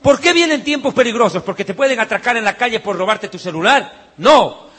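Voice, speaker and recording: A man preaching a sermon in a heated, mocking way, with sudden shouts. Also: high voice, slightly rough.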